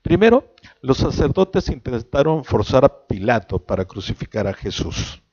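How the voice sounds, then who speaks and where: A man preaching a sermon, reading a long scripture passage aloud and then reflecting on it slowly. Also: mid-range voice, expressive, darkish tone, slightly rough, lo-fi sound. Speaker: pastor.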